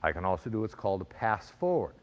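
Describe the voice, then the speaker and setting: A man with a fairly low voice teaches fencing as an instructor. He explains each technique in measured phrases and gives crisp, clipped commands. The recording is a little dull and muffled. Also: sing-song. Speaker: fencing and self-defense instructor. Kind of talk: instructional demonstration.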